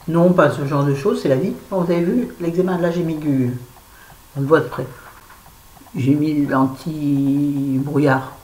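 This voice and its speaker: A woman's voice: sits low, a little mellow, slight background noise. A woman in her fifties talks straight to camera in a casual vlog, rambling from one thing to the next with blunt, self-mocking remarks. She sounds stressed and a bit irritable. The recording has an echoey room sound with faint background ambience. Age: 50s. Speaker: vlogger. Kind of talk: casual unboxing chat to camera.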